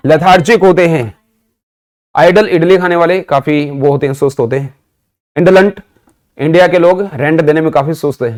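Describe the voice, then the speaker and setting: A man's voice: on the high side, darkish tone. A man with an Indian accent teaching English vocabulary through memory tricks, mixing Hindi and English and answering his own questions. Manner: mixes Hindi with English phrases. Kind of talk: online vocabulary lesson with mnemonics.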